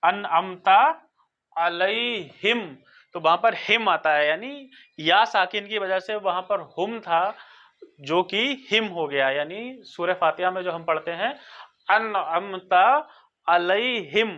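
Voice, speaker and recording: A teacher giving a recorded lesson, explaining slowly and patiently, sounding out word forms and often checking that listeners follow. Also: mid-range voice, pushed and bright. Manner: patient, repeats and checks understanding. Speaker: Arabic grammar teacher. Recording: dull lo-fi recording.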